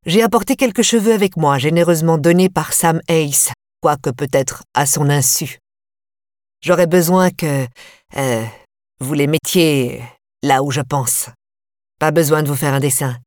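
A woman's voice: low voice, a little mellow, no echo, studio quality, lightly acted. A woman voicing Charlie, a scheming, menacing male killer who talks in a sneering, cold way.

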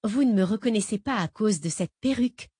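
A woman reading the part of a fugitive woman FBI agent, calm, patient and quietly menacing. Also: mid-range voice, fairly quick, breathy edge, no echo, studio quality, pitched above the performer's own voice. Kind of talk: audiobook character reading.

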